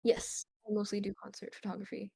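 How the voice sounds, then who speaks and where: A woman's voice: mid-range voice, fairly quick, vocal fry, breathy edge. Young Indonesian woman, chatty guest. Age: young adult. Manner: relaxed, chatty, many "like" fillers. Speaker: guest concert photographer. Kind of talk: casual interview answers.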